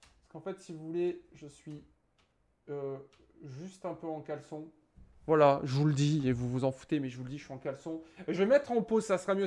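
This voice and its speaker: High-voiced joking man reviewing a webcam. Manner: joking, rambling, swears casually. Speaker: tech YouTuber. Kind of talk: casual product review vlog. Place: home desk setup.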